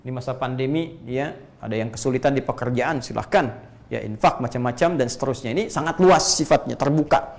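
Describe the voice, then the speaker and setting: An Islamic preacher delivers a religious lecture in a medium-pitched, gravelly voice. He is animated and rhetorical, cracking quick jokes, putting questions to the audience and repeating phrases for emphasis.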